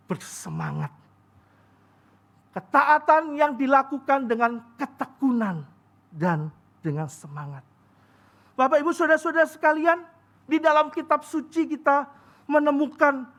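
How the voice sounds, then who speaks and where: A male pastor with a high, light voice, preaching a sermon. He tells stories in an animated way and keeps turning back to the congregation with warm appeals. His delivery swings from soft, low asides to raised, emphatic lines. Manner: storytelling, animated, keeps repeating "brothers and sisters". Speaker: guest pastor.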